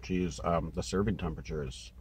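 A slightly congested man in his thirties reviews snack food in a relaxed, casual way from his parked car, speaking briskly in a deep voice with an Upper Midwest American accent. He eats while talking and uses lots of filler "ums." The audio comes from a phone on a dash holder inside the small cabin, with steady background noise.

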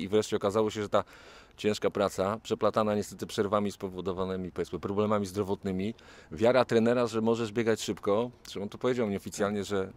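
A middle-aged radio reporter asking long, rambling questions with repetitions, outdoors at a stadium into a handheld mic. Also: male voice, lowish voice. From Poland. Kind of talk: interviewing.

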